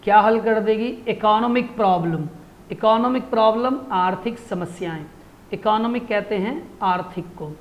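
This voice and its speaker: Male teacher with a higher-than-usual voice, exam-prep grammar lesson, methodical phrase-by-phrase explainer. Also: moderate pace, muffled recording. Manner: translates phrase by phrase, quizzes with rhetorical questions.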